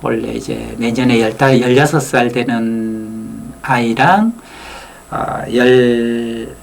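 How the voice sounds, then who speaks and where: A man in his fifties from Andong with a North Gyeongsang accent, giving a lively public lecture on anger and acting out the lines he quotes, with quiet whispered asides. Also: medium pitch, slow pace, vocal fry, faint music behind. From Andong, South Korea. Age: 50s. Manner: animated storytelling, acts out quoted lines, drops into whispered asides.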